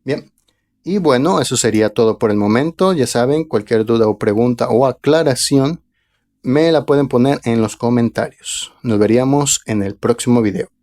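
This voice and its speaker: A man teaching a language lesson online, reading example phrases slowly and carefully before explaining them. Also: mid-range voice, a little mellow. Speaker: French teacher.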